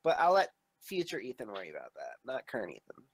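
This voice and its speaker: A man's voice: medium pitch, huge pitch swings, fast talker. A man playing a tabletop game, stammering and joking at his own expense. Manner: stammering, self-mocking. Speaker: player. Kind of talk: casual chat at a tabletop game.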